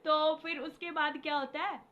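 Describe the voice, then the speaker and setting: A woman's voice: high voice, steady tone, moderate pace, bright, forceful tone, muffled recording. A young woman vlogger telling a personal story to camera in a rambling, emotional way, often repeating herself and calling her viewers guys.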